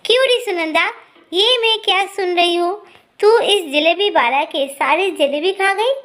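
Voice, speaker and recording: A shrill, nagging old mother-in-law, put on by a woman storyteller, scolding and exclaiming in high, loud bursts. She talks slowly and complains to the heavens.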